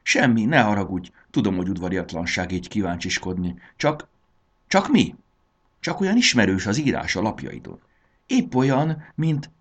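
A man voicing a polite, curious schoolboy who speaks softly. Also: fairly low pitch, very animated, breathy edge, voice pushed up. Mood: eager. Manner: polite, whispering.

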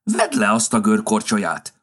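A man's voice: fairly low pitch, breathy edge, exaggerated voice. A man voicing a grumpy, flustered old Santa Claus in a storybook reading, with a scolding, impatient manner. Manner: scolding, then tender and excited.

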